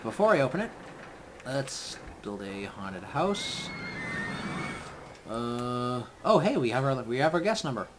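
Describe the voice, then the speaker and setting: A young man talks through his game in a relaxed, meandering way, restarting sentences and drifting between thoughts. His voice sits at an ordinary middle pitch. The home desk recording carries clear background noise and the click of typing. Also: unhurried, pauses often. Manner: rambling, thinking aloud, trailing off. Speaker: let's play gamer. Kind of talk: casual gameplay commentary.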